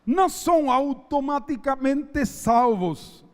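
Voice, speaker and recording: A man preaches in a high, animated voice. He reads scripture slowly and stresses each phrase. The reverberant church hall rings around him. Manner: emphatic, slow, drawn-out preaching cadence. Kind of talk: sermon with Bible reading.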